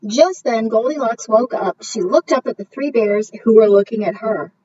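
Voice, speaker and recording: A woman teacher reading a storybook aloud as a lesson, with expressive, drawn-out emphasis, then explaining story elements. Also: fairly high pitch, slightly rough. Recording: distant, dull recording with faint hiss.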